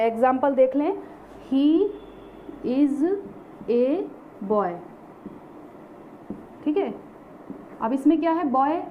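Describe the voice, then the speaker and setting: A woman with a high voice teaches an online grammar lesson. She explains each point patiently and keeps asking her students rhetorical questions. The sound is thin and phone-like. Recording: tinny phone-like recording, faint hiss.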